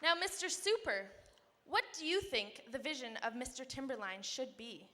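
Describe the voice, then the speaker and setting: A woman's voice: sits high, very animated, normal speed, sharp tone. A woman co-hosting a pageant, putting questions to contestants on stage in an echoey, slightly noisy hall. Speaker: pageant co-host. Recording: echoey hall, some background noise.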